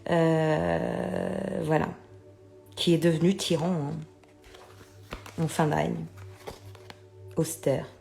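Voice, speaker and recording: Woman, middle-aged, chatty, slow-talking, addresses viewers often, soft music underneath. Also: deep voice, steady tone, vocal fry. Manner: chatty, keeps addressing viewers, many fillers. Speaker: oracle card reader. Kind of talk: casual video chat about oracle cards.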